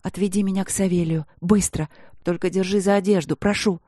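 A narrator voicing a proud young queen in pain, hoarse and strained, snapping orders. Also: mid-range voice, fairly even intonation, fairly quick, dark tone, dry recording, clean studio sound, close to an everyday voice.

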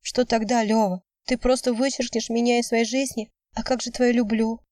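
A woman's voice: fairly high pitch, flat delivery, moderate pace, darkish tone, dry recording, clean studio sound, pitched above the performer's own voice, lightly acted. A woman voicing a tearful, pleading young woman.

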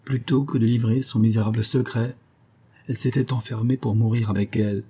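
Narrateur à la voix sombre et voilée. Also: male voice, medium pitch, fairly even intonation, brisk, dark tone, husky. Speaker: audiobook narrator. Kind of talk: literary audiobook narration.

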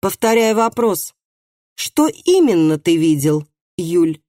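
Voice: mid-range voice, huge pitch swings, normal speed, darkish tone, husky, no room sound, heavily acted. Brief: reader doing bossy bailiff, curt orders, dry close sound. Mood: stern. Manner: curt, commanding. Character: stern, pompous royal bailiff obsessed with witchcraft.

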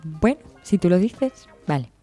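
A woman co-hosting a community radio show, bantering with quick retorts and frequent laughter. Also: on the low side, expressive, dark tone, faint music behind. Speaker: radio co-host. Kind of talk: casual radio chat.

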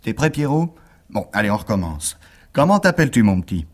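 A man's voice: lowish voice, sing-song, brisk. A man voicing a fussy, easily exasperated radio reporter who talks in a coaxing, patronizing way to schoolchildren. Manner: coaxing, patronizing talk to children.

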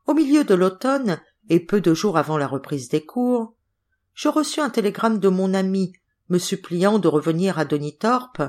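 A woman narrating an audiobook story in a measured, expressive reading. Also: on the low side. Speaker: audiobook reader.

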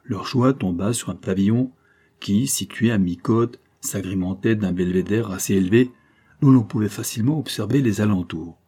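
A man narrating a classic adventure novel as an audiobook, in a measured, dramatic storytelling manner. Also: on the low side, warm tone, slightly rough. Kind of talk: scripted literary narration.

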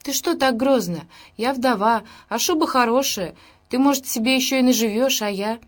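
A woman's voice: a little high, moderate pace, voice pushed up, natural voice. A woman voicing a fretful, rambling old widow in a bomb shelter, talking in a folksy, lisping way. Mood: aggrieved.

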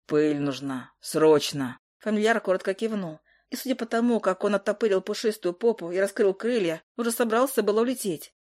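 A woman's voice: mid-range voice, fast talker, few pauses. Woman reading a fantasy audiobook. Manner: expressive, emphatic. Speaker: audiobook narrator.

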